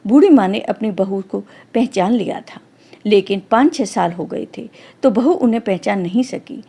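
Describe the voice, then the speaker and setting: A woman calmly narrating a devotional folk story as a storyteller. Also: medium pitch, normal speed, slightly rough.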